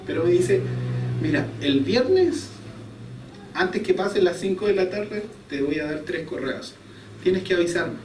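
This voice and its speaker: A man's voice: high-pitched, big pitch swings, measured pace, darkish tone. Young man, preaching from a distance, echoey room, faint ambient noise. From Chile. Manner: conversational storytelling, chuckles at himself. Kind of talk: sermon with personal story. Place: church hall.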